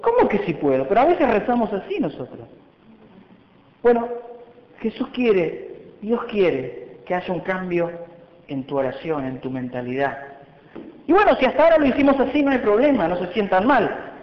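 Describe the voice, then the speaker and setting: A man with a Rioplatense accent preaching a conversational, animated sermon at a retreat. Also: sits high, normal speed, long pauses. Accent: Rioplatense Spanish. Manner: animated, conversational, acts out quotes. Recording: echoey hall, dull sound.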